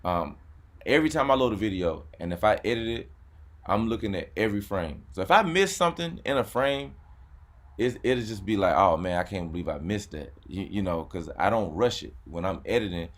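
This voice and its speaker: This YouTube car channel host has a deep voice and a laid-back yet animated, brisk way of chatting casually. He tends to repeat words and drops "man" often.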